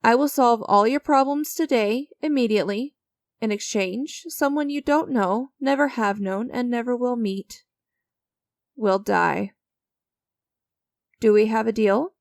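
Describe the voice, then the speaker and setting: In a dramatic audio roleplay, a woman plays an enigmatic, creepy stranger who strikes sinister deals, teasing and theatrical with a smug, coaxing manner and a sly, coaxing mood. Her voice is fairly high, measured, and full of pauses, recorded in a clean studio with no room sound.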